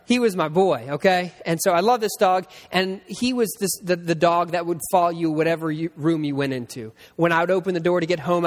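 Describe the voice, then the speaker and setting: A man preaching a sermon and telling personal stories, slowing down to repeat his key lines for emphasis. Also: a little high. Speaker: pastor. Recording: long hall reverb.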